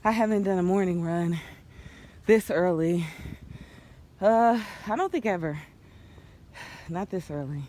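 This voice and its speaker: A woman's voice: lowish voice, a little slow, long pauses, warm tone. A woman chatting casually to her vlog, out of breath while out running and walking on a trail. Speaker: vlogger and runner. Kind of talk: casual outdoor vlog chat. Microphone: handheld phone. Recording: noisy outdoor phone recording.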